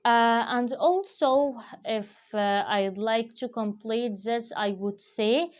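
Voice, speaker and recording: Slow careful woman teaching English. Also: on the high side. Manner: slow, careful explaining with frequent fillers. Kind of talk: vocabulary lesson. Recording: dull lo-fi recording.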